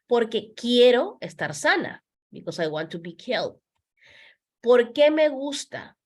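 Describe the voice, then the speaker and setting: Pitched fairly high but with a darkish tone, a woman teaching Spanish leads a slow explanatory lesson for beginners. Big, animated pitch swings mark the key words, and she patiently repeats examples, slipping into English to clarify.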